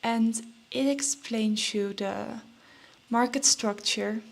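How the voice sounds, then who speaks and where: A young trading vlogger chats casually in a slightly high, creaky voice at a slow pace. She seems a bit nervous and out of breath, with many fillers and restarts.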